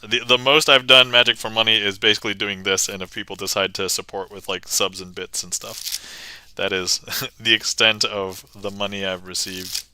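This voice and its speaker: A man's voice: on the low side, level tone, moderate pace, bright, forceful tone, clear, resonant tone, low-quality recording. A man doing casual magic patter on a livestream, chatty and laughing often as he talks through his card moves.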